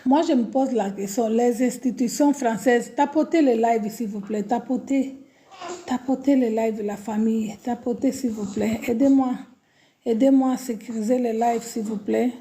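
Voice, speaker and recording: A woman's voice: a little high, moderate pace, dark tone. A woman with a Portuguese accent hosting a casual live stream from her phone, repeating greetings and correcting her own wording. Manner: repetitive greetings, self-correcting over word choice.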